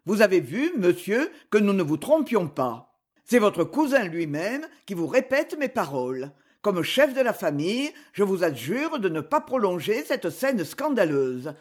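A man's voice: high-pitched, big pitch swings, measured pace, full character voice. A man reading a novel aloud, voicing a pompous, self-important head of a noble family who declaims.

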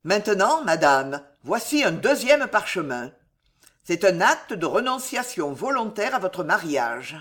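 Cold old nobleman, storybook villain, measured, slow, ruthless, woman reading. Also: medium pitch, big pitch swings, fairly bright tone. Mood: cold menace. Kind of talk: dramatic audiobook reading.

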